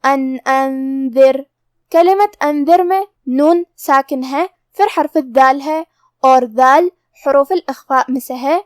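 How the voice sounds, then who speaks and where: A woman with a high, light voice explains recitation rules step by step as a teacher. Her delivery is measured and methodical, and the sound is close and dry with no room echo. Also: darkish tone.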